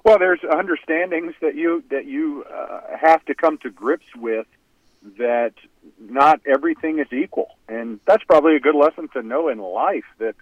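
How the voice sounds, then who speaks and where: A former football player calls in as a guest, and his voice comes through a thin, phone-like line with a dry, close sound. He answers slowly and thoughtfully at a middle pitch, often pausing and restarting his sentences. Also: no room sound. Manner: measured, reflective, hesitant restarts. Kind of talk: interview answers.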